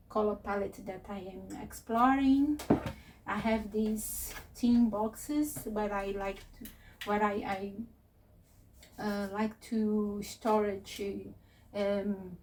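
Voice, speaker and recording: A woman who is not a native English speaker, giving a casual, unscripted tour as a vlogger in a hesitant, halting way. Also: medium pitch, mellow. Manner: hesitant, halting phrasing with searching pauses. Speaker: craft vlogger and presenter. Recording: distant mic with faint noise.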